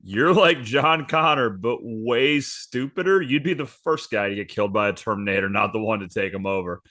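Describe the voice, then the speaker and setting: A man's voice: on the low side, expressive, pushed and bright. A man voicing a patronizing artificial-intelligence customer service agent who corrects and belittles the caller. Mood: condescending. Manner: prim, patronizing, slow and dry.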